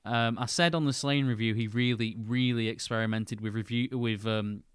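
A man's voice: medium pitch, steady tone, moderate pace, clean tone, no echo, studio quality. A man co-hosting a podcast in casual chat, hesitant, with many fillers and restarts. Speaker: podcast co-host.

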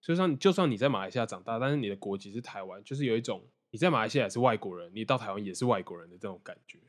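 A man's voice: fairly low pitch, lively intonation, rapid-fire. A young man hosting a casual podcast interview, prompting his guest and summing up his points. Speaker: podcast host.

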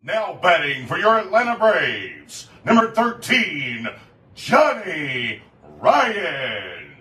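A male stadium announcer calling out a starting lineup over a PA system, with a booming, drawn-out delivery of names. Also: wildly swooping pitch, pushed and bright. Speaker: stadium public address announcer. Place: baseball stadium. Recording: echoey stadium PA from far off with music.

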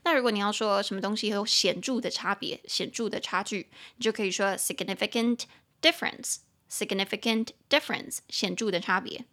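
A woman hosting a casual podcast lesson, translating phrase by phrase and spelling words letter by letter, chatty and quick to joke. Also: medium pitch, pushed and bright. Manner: chatty and joking, laughs easily. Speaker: English teacher and podcast host.

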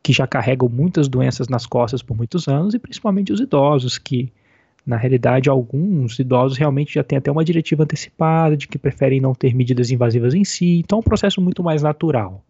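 A man in his thirties speaks over a phone line, his voice gravelly with a husky grain. He explains things in a calm, measured way as a doctor being interviewed. The call sounds dull and muffled, with a dry, close feel. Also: mid-range voice, dry recording. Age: 30s. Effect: heard over a phone line.

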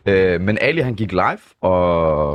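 A man's voice: deep voice, animated, highs cut off, a little hiss or hum. A man co-hosting a casual studio talk show, telling the group's story and acting out quoted voices. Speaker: podcast co-host. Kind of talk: casual chat. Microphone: studio mic.

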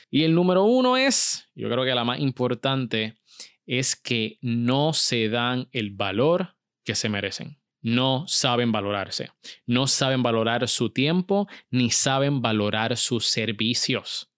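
A man's voice: mid-range voice, fairly bright tone, dry recording, clean studio sound. A man hosting a solo motivational business podcast, talking energetically and putting questions straight to the listener. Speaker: podcast host.

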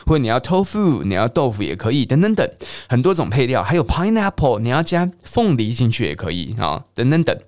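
A middle-aged man from Taiwan, teaching English in a chatty, lively way and mixing English words into his Mandarin. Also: mid-range voice, a little fast, few pauses, no echo, studio quality. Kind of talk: casual teaching monologue.

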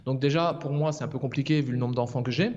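A man talking in a relaxed, joking way as a regular guest on a casual podcast, often halting with fillers. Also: medium pitch. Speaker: regular columnist. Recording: dull lo-fi sound with long reverb.

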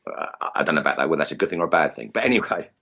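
Deep-voiced, animated Essex man. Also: very fast, highs cut off. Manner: self-deprecating, jokey. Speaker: interview guest, target shooting instructor. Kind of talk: casual chat.

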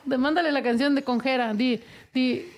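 A woman's voice: high-pitched, steady tone, moderate pace. A young woman hosting a podcast, chatting casually and swearing freely while switching between Spanish and English. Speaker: podcast host. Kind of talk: casual bilingual podcast chat.

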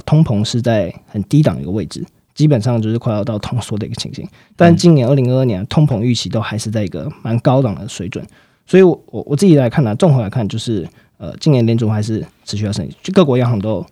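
A man explaining market outlooks in a fast, explanatory way, with frequent fillers and sentence-final particles. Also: mid-range voice, big pitch swings, dark tone, slightly rough, no echo, clean studio sound. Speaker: market analyst guest. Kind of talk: financial commentary chat.

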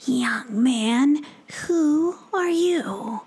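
A woman voicing a stern, skeptical mother possum in a soft whisper, for a storybook. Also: high voice, lively intonation, drawn-out words, gravelly, slightly rough, voice pushed up, full character voice. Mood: questioning.

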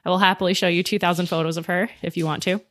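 Brief: upbeat young woman, enthusiastic, gushing guest, lowish warm-bright voice, dry. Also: fairly even intonation, rapid-fire, dry recording. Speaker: pharmacist guest. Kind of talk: casual podcast chat.

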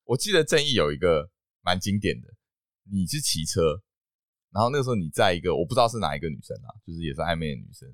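A low-voiced man with a Taiwanese Mandarin accent leads the talk in a casual podcast. He teases his friends and laughs easily, and his deep voice moves over a wide range. The sound is dry. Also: sing-song, fast talker, dry recording. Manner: teasing, laughs easily, steers the segments. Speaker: podcast co-host. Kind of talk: casual chat.

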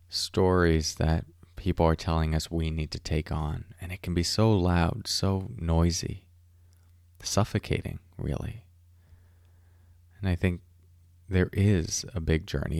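Very low, intimate male podcast host, close up. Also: vocal fry, darkish tone, no room sound. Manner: measured, unhurried, with deliberate pauses. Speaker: podcast host and mindfulness teacher. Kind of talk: calm guided reflection and poem reading. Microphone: close mic in a dry space.

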